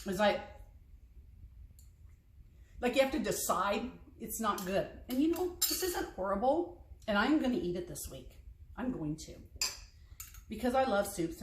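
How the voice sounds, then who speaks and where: A woman's voice: mid-range voice, expressive, moderate pace, long pauses, a little hiss or hum. A woman taste-testing recipes in a casual kitchen vlog, chatty and frank with hesitant asides. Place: home kitchen. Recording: echoey kitchen, clinking dishes.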